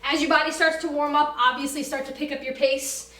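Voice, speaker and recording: A woman fitness instructor leading a class with brisk, commanding, motivational cues and countdowns. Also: high-pitched, level tone, bright, forceful tone. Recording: roomy echo, distant from the mic.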